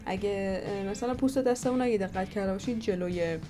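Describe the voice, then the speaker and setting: A woman's voice: mid-range voice, over music. Woman host, casual work-along commentary, muttering, thinking aloud. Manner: muttering to herself, trying things out. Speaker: 3D artist and channel host.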